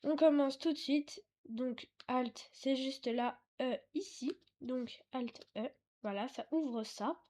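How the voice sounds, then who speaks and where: A woman's voice: sits high, slow pace, warm tone. A woman hosting a casual computer tutorial, hesitant and apologetic, full of fillers and self-corrections, at her computer with a desktop mic she sometimes drifts away from. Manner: apologetic and chatty. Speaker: tech tutorial host. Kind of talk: casual screen-recorded tutorial. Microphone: desktop mic, sometimes too far away.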